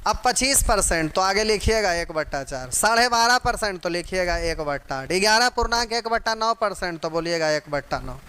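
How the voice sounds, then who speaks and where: A man's voice: sits high, bright, forceful tone, clear, resonant tone. A man teaching an exam-prep math lesson, drilling fractions and percentages aloud and calling his students dear ones.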